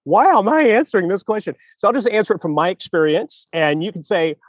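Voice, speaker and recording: A man with a high-pitched, very animated voice speaks briskly, with no echo, as co-host of a casual podcast about writing. A writer himself, he joins by video call from a city park over spotty public Wi-Fi, rambling in a jokey way and laughing often.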